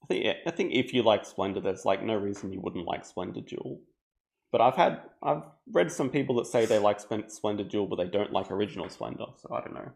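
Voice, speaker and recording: A man streaming a board game live, thinking aloud in a relaxed, chatty way. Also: lowish voice, a little fast, vocal fry. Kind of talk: casual live game commentary.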